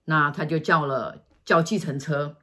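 A middle-aged woman, telling a story in casual chat and acting out quoted lines in a hushed voice. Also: sits low, fairly even intonation, measured pace. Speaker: feng shui consultant telling stories.

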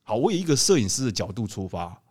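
Animated, laughing man telling stories. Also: medium pitch, fast, breathy edge. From Taiwan. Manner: animated, laughs often, lively storyteller. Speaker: podcast co-host, wedding photographer. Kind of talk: casual storytelling chat.

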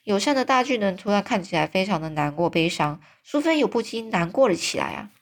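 Woman storyteller, casual read-aloud, chatty asides, medium pitch. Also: lively intonation, brisk. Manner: chatty, adds fillers and explanations.

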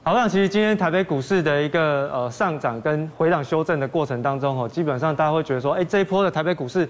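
A man's voice: a little high, quick pace. A man with a Taiwanese Mandarin accent giving financial commentary as a guest analyst, explaining step by step and posing questions he then answers.

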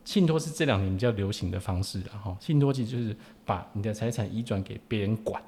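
Taiwanese mandarin guy, slightly deep, explaining stuff like a lawyer guest, lots of little tag questions. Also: fast talker, a little mellow. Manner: repetitive, punctuates phrases with particles and tag questions. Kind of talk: informal expert explanation.

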